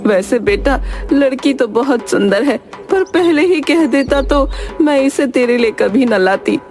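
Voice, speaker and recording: A woman voicing a sharp-tongued, proud mother-in-law who taunts and mocks. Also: sits high, animated, unhurried, music in the background. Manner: taunting, sarcastic.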